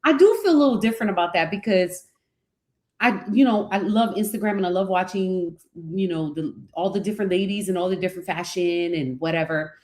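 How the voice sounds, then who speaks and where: A woman's voice: on the low side, fairly quick, a little mellow. Chatty woman podcast co-host. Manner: chatty, hesitant fillers, enthusiastic. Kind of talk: casual chat.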